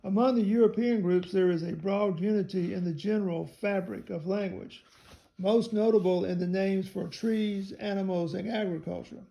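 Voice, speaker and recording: A man reading a theology text aloud in a measured way, spelling out some words letter by letter. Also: high voice, steady tone, gravelly, warm tone, lo-fi sound.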